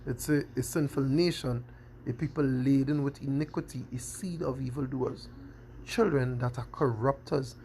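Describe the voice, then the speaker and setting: A man's voice: mid-range voice, fairly even intonation, moderate pace, warm tone, slight background noise. A man preaching a scripture-quoting sermon, constantly asking "you understand?". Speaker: street preacher.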